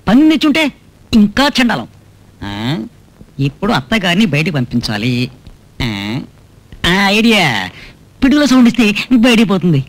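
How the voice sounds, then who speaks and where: A man's voice: high voice, big pitch swings, moderate pace, long pauses. A man playing a sly male trickster in a comic film, teasing and scheming. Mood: mocking.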